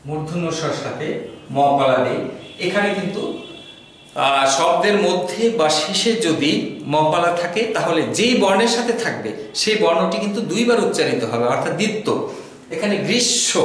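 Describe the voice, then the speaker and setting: A man teaching a grammar lesson, patiently explaining and repeating example words slowly to model their pronunciation. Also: high-pitched, lively intonation, a bit bright. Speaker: Bengali language teacher. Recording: very echoey room, voice far from the mic.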